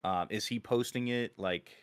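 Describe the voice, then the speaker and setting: A man's voice: on the low side, normal speed, clear, resonant tone, no echo, clean studio sound. A man on a podcast asking hesitant questions in casual chat, with many fillers. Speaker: podcast guest.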